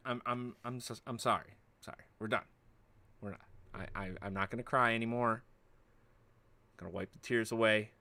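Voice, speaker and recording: A man's voice: mid-range voice, bright, forceful tone, clean tone. A man hosting a livestream, chatting casually in rambling, joking rants. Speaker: livestream host.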